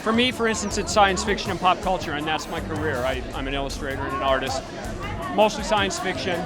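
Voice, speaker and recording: A man's voice: sits high, fairly quick. A man talking casually in a red carpet interview. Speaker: illustrator and artist. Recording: very loud music and crowd behind.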